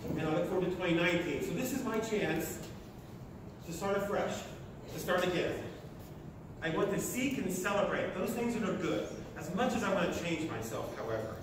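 A sixty-year-old American man from Oklahoma, speaking at a sustainability meeting, delivers a motivational talk in short, emphatic phrases. His voice is high for a man. A distant camera at the back of the large indoor lecture hall picks him up, so the recording is very echoey and noisy.

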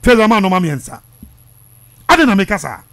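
Very animated, a Ghanaian-accented sports radio presenter in his thirties delivers heated commentary in a high, gravelly, fairly bright voice at a moderate pace. He is emphatic and insistent, repeats himself, and switches between languages, speaking close to the microphone in a small radio studio.

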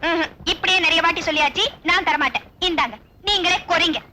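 An actress playing a sulky, sharp-tongued young woman who scolds her boyfriend and her father, in 1980s film dialogue. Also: very high voice, fast talker, slight background noise, full character voice. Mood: scolding. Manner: scolding, pouty. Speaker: daughter and girlfriend. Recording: film soundtrack with clear music.

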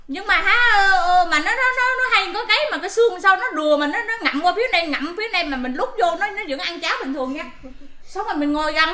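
A mother telling a family story in a casual vlog, animated and full of exclamations. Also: very high-pitched, reverberant.

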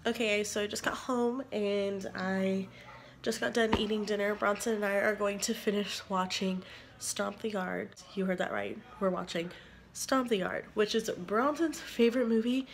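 A woman's voice: mid-range voice, steady tone, moderate pace, slight background noise. A young woman in her twenties chatting casually to camera for her vlog, her voice stuffy from a cold. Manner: chatty and upbeat, with many "like"s. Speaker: vlogger.

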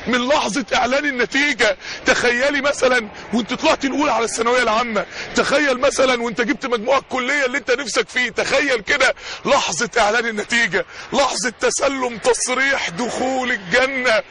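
An Egyptian man in his forties preaching an impassioned sermon in an Egyptian accent, rising to shouts as he quotes scripture. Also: very high-pitched, fast talker, slight background noise. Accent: Egyptian Arabic. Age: 40s. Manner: fervent, rising to shouts when quoting scripture.

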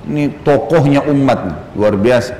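A male preacher telling a story in a sermon, animated and addressing his congregation directly while acting out the quotes. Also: medium pitch, normal speed. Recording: echoey hall with faint background noise.

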